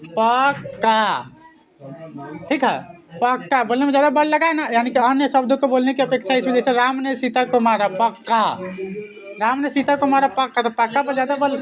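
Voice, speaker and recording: A male teacher giving an exam-prep grammar lesson, quizzing listeners with repeated questions and then answering them himself. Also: extremely high pitch. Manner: repetitive, drilling delivery.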